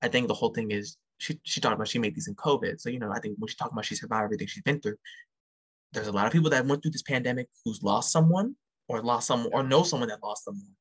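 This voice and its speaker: A man talks music on a relaxed podcast, his speech quick and running. His voice has a husky, slightly rough edge. He gets excited and leaps up in pitch when he acts out what someone said. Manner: fast, excitable, acts out quotes with sharp jumps in pitch. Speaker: podcast host. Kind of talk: casual music chat.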